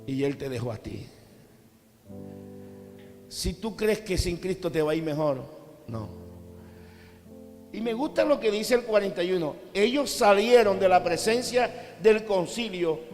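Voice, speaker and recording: A man with a Colombian Caribbean coast accent preaching a sermon, telling stories and acting out quotes, sometimes rising to shouts. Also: sits high, animated, measured pace, long pauses. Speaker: apostle preaching. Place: large church cathedral. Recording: long church reverb with faint music.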